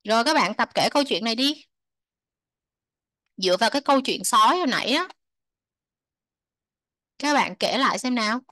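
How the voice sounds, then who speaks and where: A woman teaching English to children, repeating words slowly, translating them and chatting with soft sentence endings. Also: a little high, animated, no echo. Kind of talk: explaining a textbook lesson to children.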